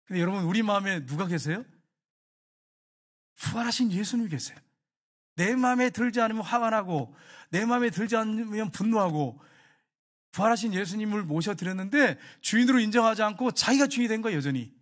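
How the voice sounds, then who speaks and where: A male pastor with a Gyeongsang accent preaching a sermon. He tells a story full of rhetorical questions and swings from hushed asides to emphatic declarations. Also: sits high, lively intonation, fairly quick. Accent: Gyeongsang Korean. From Gyeongsang region, Korea.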